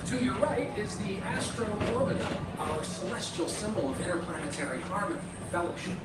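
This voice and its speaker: Actor as male futuristic tour narrator, grand, upbeat, heavy echo, loud noise. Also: high-pitched, expressive, fairly quick. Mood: grand, inviting. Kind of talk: scripted promotional narration. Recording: very echoey distant ride speaker, heavy noise.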